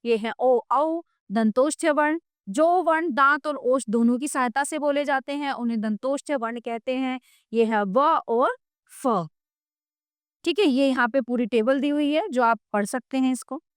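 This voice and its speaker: A woman teacher reading a grammar lesson aloud, slowly sounding out letters and example words, with brief asides to the viewer. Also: high-pitched, clear, resonant tone, no room sound, studio quality. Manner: adds short asides to the viewer.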